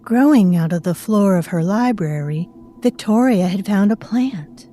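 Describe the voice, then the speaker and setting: Narrating an audio drama, a woman plays a mysterious presence living inside a girl's mind, musing darkly and ominously and speaking directly to the listener in a brooding mood. Her natural, mid-range voice is animated and dark in tone, moving at a measured pace. A little hiss or hum can be heard.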